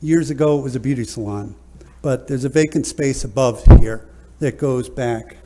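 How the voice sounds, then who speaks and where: A man, an architect presenting a project at a public hearing in a relaxed, joking way with many fillers. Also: mid-range voice, moderate pace, very noisy. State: slightly out of breath at first.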